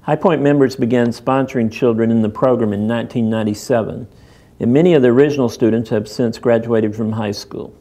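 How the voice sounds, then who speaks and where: A man's voice: mid-range voice, steady tone, brisk, dark tone. A man narrating a church mission documentary in a plain, informative way.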